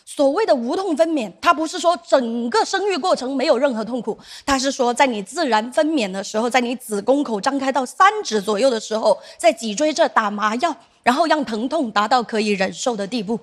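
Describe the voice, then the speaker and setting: A young woman with a high voice performs stand-up on a theater stage. She tells her stories briskly and slips into the voices of the people in them. Her voice carries over the room. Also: lively intonation. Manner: storytelling, acts out quoted voices. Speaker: stand-up comedian. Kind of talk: stand-up comedy set.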